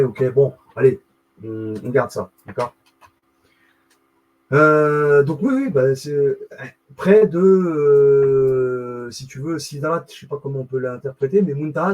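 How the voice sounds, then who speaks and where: A man's voice: mid-range voice, darkish tone, low-quality recording. A man hosting a live video, reading a text aloud and commenting on it, full of fillers, restarts and self-corrections, with wry asides.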